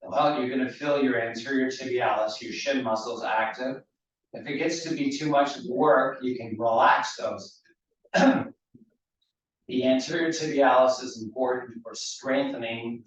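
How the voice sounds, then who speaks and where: A slightly hoarse male fitness instructor leads a mat mobility class, calmly cueing each movement step by step at a moderate pace. His mid-pitched voice is recorded from a distance, off the microphone, in a studio with heavy echo and somewhat dull sound.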